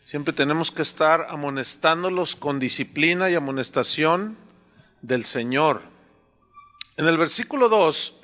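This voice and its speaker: A man's voice: a little high, a bit bright, in a large hall. A man preaching a sermon as a pastor, conversational with fillers and rising emphasis on scripture.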